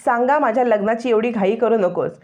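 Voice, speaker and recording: A woman's voice: fairly high pitch, a little fast, darkish tone, close to an everyday voice. A woman reading the lines of an irritable scheming young woman, in a dull lo-fi recording. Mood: indignant. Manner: indignant.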